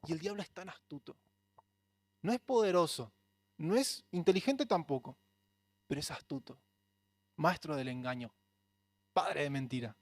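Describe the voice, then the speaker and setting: A man's voice: on the high side, moderate pace, pauses often, dry recording. A man preaching a sermon in a Rioplatense accent, earnest and conversational. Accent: Rioplatense Spanish. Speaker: pastor.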